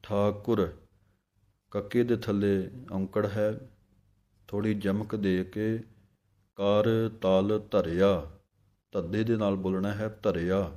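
Male recitation teacher, low flat delivery, slow chanting alternating with explanation. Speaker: scripture pronunciation teacher. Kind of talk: recitation lesson.

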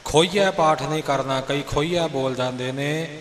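A man teaching scripture recitation who corrects the pronunciation of words, repeating them slowly and deliberately. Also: medium pitch, steady tone, fairly bright tone, echoey room, in a large hall.

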